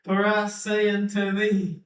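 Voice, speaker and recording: A man's voice: sits high, monotone, takes it slowly, fairly bright tone. A man delivering a prophetic utterance in archaic King James phrasing, chanting and repeating himself as he breaks into speaking in tongues. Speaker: preacher. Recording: echoey room from far off.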